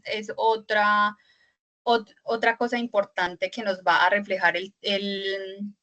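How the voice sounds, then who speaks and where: A woman's voice: fairly high pitch, bright, forceful tone. A woman instructor giving an online class lecture over a video call, explaining step by step with many fillers and frequent checks for agreement.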